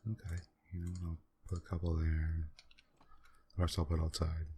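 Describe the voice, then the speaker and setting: A man quietly talking through a computer game in a soft-spoken ASMR style, musing aloud at an unhurried pace with many pauses. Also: rumbling low, monotone, a little hiss or hum. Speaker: gaming channel host.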